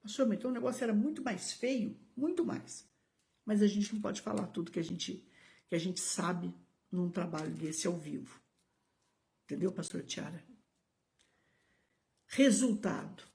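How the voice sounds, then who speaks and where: A middle-aged woman pastor with a Brazilian Portuguese accent preaching a live-streamed sermon, emphatic, with sudden high exclamations, speaking to viewers by name. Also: moderate pace, vocal fry, long pauses, warm tone.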